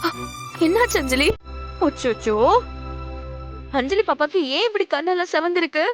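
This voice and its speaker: An actress playing a caring young stepmother who gently coaxes and soothes a frightened little girl in a TV serial. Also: on the high side, animated, normal speed, soft background music, lightly acted. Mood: soothing. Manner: gentle, coaxing, soothing a crying child. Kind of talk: TV serial acting.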